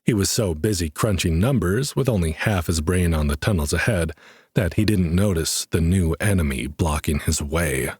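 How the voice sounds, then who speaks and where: A man narrating a fantasy audiobook in a steady, even storytelling manner. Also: sits low, normal speed, husky, no room sound, studio quality. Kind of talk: scripted narration.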